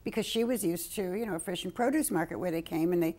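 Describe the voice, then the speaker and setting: A woman's voice: fairly low pitch, quick pace, mellow. A woman interviewed for a documentary, telling family stories in an anecdotal way. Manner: anecdotal storytelling.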